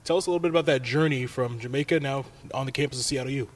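A man's voice: medium pitch, very fast, slight background noise. A young man hosting a student sports radio show, upbeat, introducing guests and reading sponsor spots.

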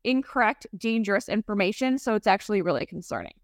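A woman's voice: mid-range voice, animated, quick pace, no echo, studio quality. A middle-aged woman talking casually and emphatically as a guest expert in an interview. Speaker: podcast guest, esthetician and company founder.

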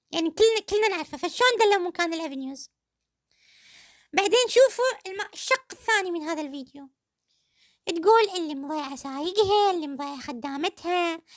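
High-voiced sarcastic Kuwaiti woman host. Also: a bit bright, no echo, studio quality. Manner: sarcastic, addresses listeners fondly. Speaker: podcast host. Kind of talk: satirical commentary.

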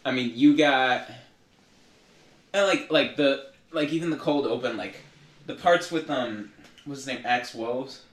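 A man's voice: medium pitch, unhurried, pauses often, echoey room. A man co-hosting a casual podcast chat, blunt and emphatic. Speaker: podcast co-host.

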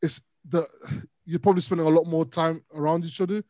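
A man's voice: fairly high pitch, fast talker, dry recording. A young man co-hosting a podcast, telling stories in casual chat and laughing often. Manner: animated storyteller, laughs often. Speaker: podcast co-host.

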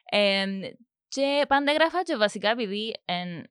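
A young woman with a Cypriot Greek accent talks casually in an interview, pausing often with fillers and slipping English words into her sentences. Her voice sits at a middle pitch. The sound is dry and close, with no room echo. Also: animated, a bit bright, clean tone. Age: young adult. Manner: hesitant, many fillers, mixes in English words. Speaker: music production student, interviewee.

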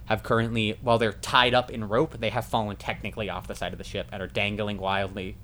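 A man's voice: lowish voice, flat delivery, quick pace, a bit bright, a little hiss or hum. A man narrating as game master in a casual tabletop session, correcting himself as he goes. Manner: casual, self-correcting, laughs at own jokes.

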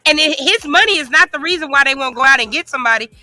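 A woman's voice: high voice, racing, pushed and bright, no room sound. A woman co-hosting a casual sports chat, talking in an emphatic, opinionated rant. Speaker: co-host.

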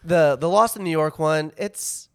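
A man's voice: on the high side, a little slow, fairly bright tone, clear, resonant tone, no echo, clean studio sound. A man and father co-hosting a casual podcast, musing at length and laughing mid-sentence. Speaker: podcast co-host. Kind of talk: casual chat.

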